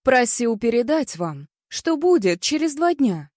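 Brief: narrator putting on a stern, composed housekeeper, calm and clipped. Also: female voice, fairly high pitch, measured pace, dry recording, studio quality. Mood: formal. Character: strict middle-aged housekeeper woman, formal and composed.

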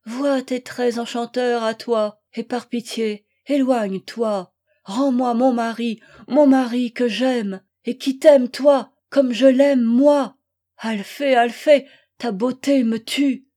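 A woman's voice: fairly high pitch, flat delivery, slow, few pauses. A woman voicing a desperate, jealous young wife. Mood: pleading. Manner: impassioned, loud and pleading. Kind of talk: dramatic audiobook reading.

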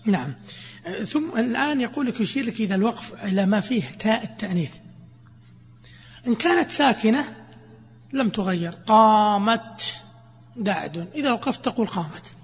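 A man teaching Arabic grammar, asking questions and answering them himself while repeating examples slowly. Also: high voice, lively intonation, husky. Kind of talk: classroom explanation of grammar. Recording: echoey, dull lo-fi lesson recording.

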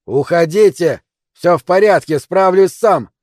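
A man doing a gruff, shouting old ex-cop. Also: high-pitched, measured pace, no echo, studio quality, pitched above the performer's own voice. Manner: shouting, strained. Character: gruff old ex-police chief, stubborn, angry man.

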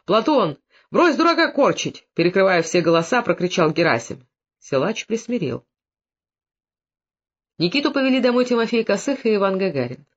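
A male narrator reads a novel with dramatic, animated storytelling. His voice sits high and swings widely, and the recording sounds dull and lo-fi. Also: a little fast, long pauses. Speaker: audiobook narrator. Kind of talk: expressive literary narration.

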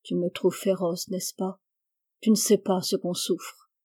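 A woman's voice: fairly low pitch, flat delivery, a little slow, mellow, breathy edge, no room sound, studio quality. A woman voicing a tormented, jealous husband in a dramatic audiobook reading, with intense, obsessive outbursts. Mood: bitter, feverish. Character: jealous, tormented husband raging over his wife.

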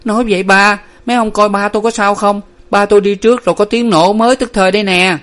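A man's voice: fairly high pitch, fast, pitched above the performer's own voice, lightly acted. Man voicing a fierce young woman, eldest sister. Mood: frantic. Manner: sharp, scolding.

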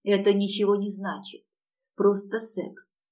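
A woman's voice: medium pitch, steady tone, takes it slowly, darkish tone, natural voice. A woman reading the lines of a hurt, defiant young woman who speaks huskily, near tears. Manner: husky, strained, near tears.

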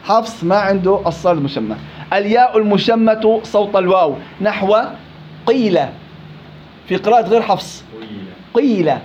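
A man's voice: sits high, darkish tone. A man teaches Quran recitation, drawing out sample words and firing questions at his students. The recording is dull and lo-fi, with a faint hiss underneath. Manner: demonstrates words slowly, repeating them and asking the class questions. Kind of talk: tajweed lesson. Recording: dull lo-fi with faint background noise.

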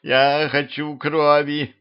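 A man's voice: on the high side, completely flat delivery, slow, smooth, voice pushed up. A man voicing a young female vampire who whines and complains about hunger, in a self-made audiobook. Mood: whiny. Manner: whiny, petulant. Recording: dull lo-fi home recording.

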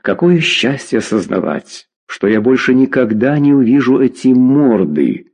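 A man's voice: mid-range voice, animated, unhurried, darkish tone. A man reading aloud, voicing a departing cameraman who jokes with forced bravado. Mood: mocking. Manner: ironic, blustering. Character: cameraman leaving his job, joking, defiant.

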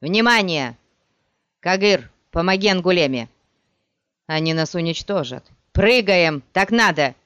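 A man's voice: fairly high pitch, normal speed, a bit bright, clear, resonant tone, no echo, natural voice. A man doing a grim commanding witcher. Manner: barked short commands. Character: grim male witcher leading a fight. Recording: dull dry lo-fi recording.

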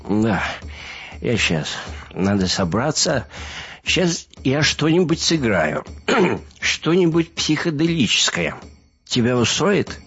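A man's voice: mid-range voice, very animated, slow, long pauses, breathy edge, pitched above the performer's own voice, heavily acted. A man voicing a giddy, delirious man who giggles and rambles. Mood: groggy cheerful. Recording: muffled recording with soft music.

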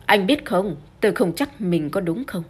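A woman's voice: medium pitch, expressive, moderate pace, husky. A woman voicing a distracted, hesitant male detective in an audiobook. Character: dreamy middle-aged male detective, hesitant.

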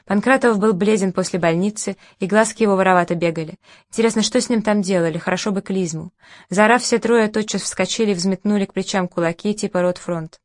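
A woman narrating an audiobook in an ironic, even storytelling manner. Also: medium pitch, quick pace, dry recording, studio quality.

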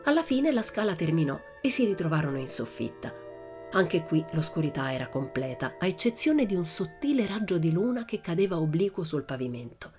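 Woman reading a kids story out loud, lively and expressive, lowish voice, faint music behind. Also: a little fast. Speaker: audiobook reader.

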